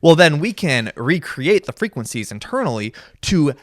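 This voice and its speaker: A man's voice: on the high side, sing-song, normal speed, fairly bright tone, dry recording, studio quality. A man talking casually about music and his body while adjusting his guitar gear, repeating words and tagging "right?" onto his points. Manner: rambling, repeats words, says "right?" often. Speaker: musician and content creator. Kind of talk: casual monologue.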